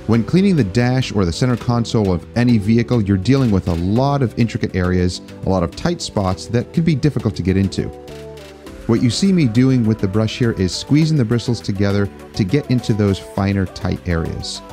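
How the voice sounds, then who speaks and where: Low-voiced man demoing detailing brushes. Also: lively intonation, brisk, dark tone, faint music behind. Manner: upbeat, explanatory. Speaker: car detailing channel host. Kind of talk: product demo narration. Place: garage workshop.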